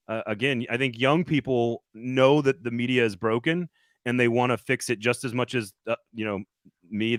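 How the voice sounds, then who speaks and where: A man's voice: medium pitch, no echo, clean studio sound. A man hosting a casual sports talk show, rambling and restarting his sentences often. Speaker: sports podcast host reporting on location.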